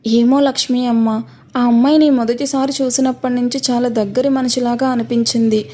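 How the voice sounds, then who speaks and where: A woman voicing a gentle, caring older woman relative in an audio story. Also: fairly high pitch, fairly even intonation, fairly quick, close to an everyday voice. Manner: gentle, modest.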